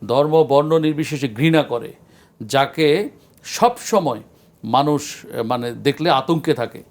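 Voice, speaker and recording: A man, a scholar guest on a religious talk show, speaking in an earnest, measured lecturing way with frequent pauses. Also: fairly high pitch, animated. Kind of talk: studio discussion on a religious show.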